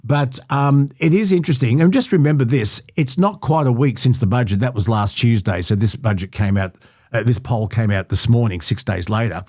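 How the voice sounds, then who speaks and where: A man's voice: mid-range voice, moderate pace, a little mellow, no echo, studio quality. An Australian man hosting a podcast, chatting wryly about politics in short bursts. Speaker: podcast host. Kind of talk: casual political chat.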